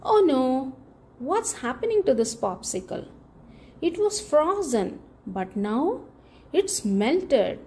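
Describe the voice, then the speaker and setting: A woman who hosts a channel reads a picture book to young children, expressive and deliberate, stressing key words and asking her little listeners questions. Her voice is high and husky.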